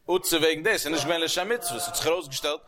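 Animated man giving a Talmud lecture. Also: on the high side, fast talker. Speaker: religious teacher. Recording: crowd heard behind the voice. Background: crowd murmur.

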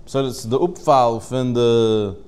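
A man giving a Talmud lesson in a mid-pitched voice, rising and falling in a chanting study singsong. He talks in an animated way, breaking off and restarting as he explains. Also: slow, clear, resonant tone. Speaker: Talmud teacher. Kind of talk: Yiddish-style Talmud lesson.

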